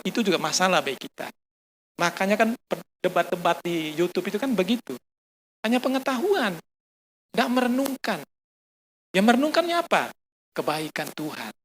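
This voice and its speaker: A man's voice: high voice, a bit bright, a little hiss or hum. A man with an Indonesian accent preaching a sermon, telling a personal story with fillers and acting out the lines of others. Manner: storytelling, acts out dialogue, frequent fillers. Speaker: pastor. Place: restaurant used for a Sunday service.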